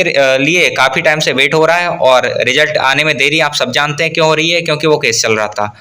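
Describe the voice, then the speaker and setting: The host of an exam news channel gives an informal explainer update on government exam news. His voice is slightly high with a sharp, bright edge. He explains as he goes, frequently rephrasing and repeating what he has already said.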